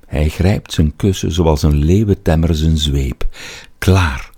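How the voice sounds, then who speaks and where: Flemish guy reading a literary story, deep voice, kinda breathy, slow and measured. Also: warm tone. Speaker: narrator. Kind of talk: scripted literary narration.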